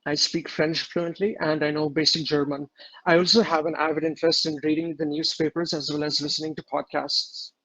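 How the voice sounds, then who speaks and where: A man's voice: on the high side, flat delivery, a little fast, bright, forceful tone, rough recording. A young man from Switzerland, an admission candidate in an online interview, giving a polished self-introduction and hesitating on quiz questions. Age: young adult. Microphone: computer microphone on a video call.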